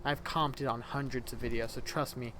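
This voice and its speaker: This YouTuber, a man of twenty, speaks briskly in a mid-range voice with fairly even intonation and a sharp tone, over a little hiss or hum. He describes his own voice as childish-sounding, and his casual vlog chat rambles, chatty and self-correcting.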